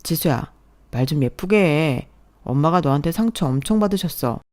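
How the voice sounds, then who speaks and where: A young husband who keeps siding with his mother, defensive and a bit whiny, as a woman voices him. the voice sits fairly low and stays close to plain reading. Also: lively intonation, normal speed, darkish tone.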